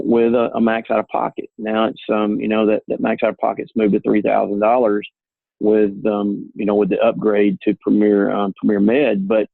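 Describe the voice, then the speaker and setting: Husky gravelly man on a tinny phone line. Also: on the low side, dry recording. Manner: earnest, plain-spoken explaining. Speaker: insurance agent. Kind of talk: casual explanatory talk on a call.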